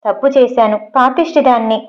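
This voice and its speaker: A woman's voice: on the high side, brisk, lo-fi sound, natural voice. A woman voicing a remorseful young wife in an audio story, speaking in a pleading, broken way.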